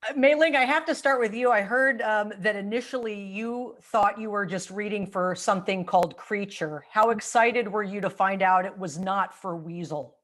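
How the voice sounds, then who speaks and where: A woman's voice: mid-range voice, moderate pace, hardly any pauses, a bit bright. A woman hosting a press junket interview, upbeat and gushing, laughing often as she asks questions. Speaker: entertainment interviewer.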